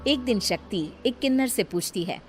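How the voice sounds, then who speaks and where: A woman's voice: on the high side, lively intonation, moderate pace, soft background music. A woman narrating a cartoon horror story in a dramatic storytelling voice.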